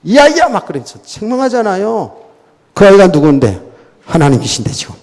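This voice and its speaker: Animated male pastor preaching in a hall. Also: high voice, brisk. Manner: animated preaching, dramatic swings from quiet asides to shouts. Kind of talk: sermon. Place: church sanctuary. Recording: long church hall reverb.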